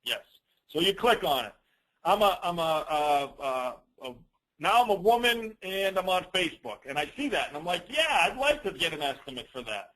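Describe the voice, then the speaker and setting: On a business training call, a man runs a loose, rambling software demo full of teasing and self-deprecating remarks. His voice sits high and is very animated, moving at a moderate pace over a rough recording.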